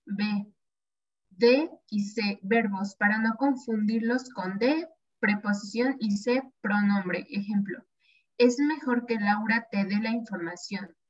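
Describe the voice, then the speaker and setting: A woman's voice: mid-range voice, takes it slowly. A woman student with a Mexican accent carefully reading rules and examples aloud in an online class. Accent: Mexican Spanish. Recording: dull video call audio.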